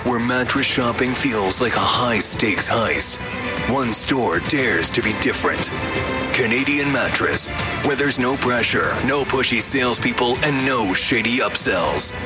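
A man voicing a radio ad in a dramatic, movie-trailer delivery at a mid pitch. Clear music runs under the read. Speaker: radio ad voice-over. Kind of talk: scripted commercial, movie-trailer parody.

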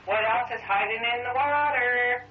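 A woman's voice: fairly high pitch, normal speed. Woman on a muffled old interview tape. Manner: soft, patient, simple words, repeats answers back. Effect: old archival interview tape. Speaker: police officer interviewing a child. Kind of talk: gentle questioning of a young child. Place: interview room. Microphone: room recorder placed far from her. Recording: muffled distant roomy archival tape.

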